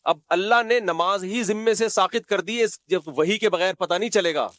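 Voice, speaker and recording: A man's voice: high voice, a bit bright, dry recording. A man who is an Islamic scholar giving a religious lecture, scolding and sarcastic, who recites Arabic quotations and mimics the people he criticizes.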